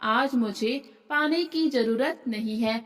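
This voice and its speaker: A woman's voice: fairly high pitch, takes it slowly. A woman voicing a kind, generous old village grandmother. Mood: kindly.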